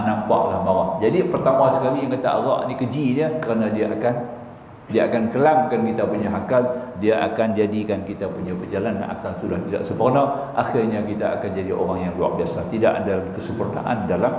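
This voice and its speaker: A man's voice: lowish voice, brisk. A man giving a religious lecture, telling stories with humor and often asking the listeners whether they see his point. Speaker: religious teacher. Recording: echoey hall, dull lo-fi sound, faint hiss.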